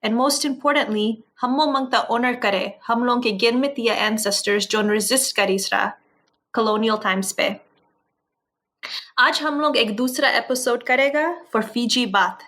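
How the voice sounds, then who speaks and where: A woman's voice: fairly high pitch, fairly bright tone. A woman with an Indo-Fijian accent hosting an interview podcast, introducing it and its guest. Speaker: podcast host.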